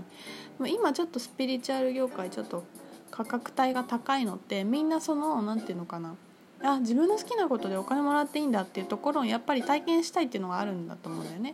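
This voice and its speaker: A woman talking casually on her own about her crystal shop, chatty and full of fillers, lively when she quotes others. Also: a little high. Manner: chatty, filler-heavy, animated quoting. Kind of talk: casual solo talk. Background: music.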